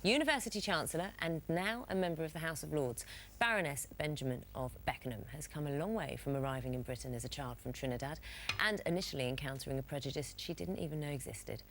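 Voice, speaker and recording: Low-voiced woman presenting on TV. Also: fast, a bit bright, a little hiss or hum. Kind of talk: scripted studio introduction.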